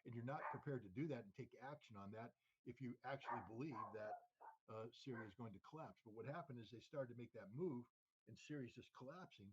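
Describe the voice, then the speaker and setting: A man's voice: mid-range voice, fast talker, muffled recording, slight background noise. A man giving emphatic, unscripted analysis as a commentator, often restarting his sentences. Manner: emphatic, many restarts and fillers. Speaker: geopolitical commentator.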